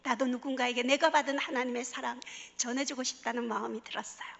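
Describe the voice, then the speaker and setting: A woman's voice: fairly high pitch, fairly even intonation, quick pace, vocal fry. A woman from Daegu, a pastor's wife, gives a humorous church testimony and keeps drawing the audience in with questions. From Daegu, South Korea. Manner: playful, engages the audience with questions. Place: church hall. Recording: echoey church hall, dull sound.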